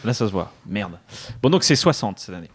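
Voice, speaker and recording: A man's voice: fairly low pitch, sing-song, breathy edge. Joking man presenting game news. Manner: joking, reads notes, halting restarts. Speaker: radio show co-host presenting news. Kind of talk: casual group chat on a board game radio show. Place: studio round a table.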